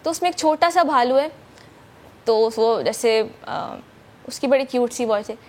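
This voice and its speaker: A woman's voice: a little high, a little mellow. Chatty young woman, voice-over artist. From Pakistan. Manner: eager, chatty, many fillers. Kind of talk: talk show interview. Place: TV studio.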